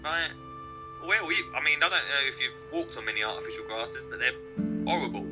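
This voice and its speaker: A man hosting a casual chat, talking in a relaxed, rambling way with many fillers. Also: medium pitch, a little fast, low-quality recording. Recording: guitar music clearly behind.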